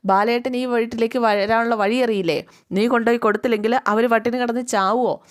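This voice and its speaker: A woman's voice: a little high, fairly even intonation, brisk, close to an everyday voice. A woman voicing a domineering middle-aged mother-in-law who scolds sharply. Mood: scolding.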